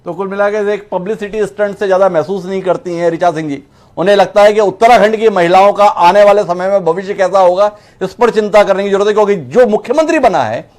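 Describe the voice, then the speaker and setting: A man's voice: sits high, a little fast, a little mellow. A man hosting a news debate, putting rhetorical, sardonic questions to his guests. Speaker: TV debate host.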